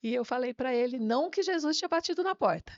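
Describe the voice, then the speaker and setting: A woman pastor telling her personal faith testimony as a guest, a lively storyteller who often ends phrases with a tag question. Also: high voice, fast talker, dry recording, highs cut off.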